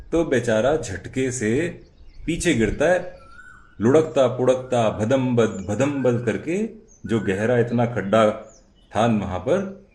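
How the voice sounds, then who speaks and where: A man's voice: mid-range voice, darkish tone. A man narrating a children's story dramatically, with sound words and idioms.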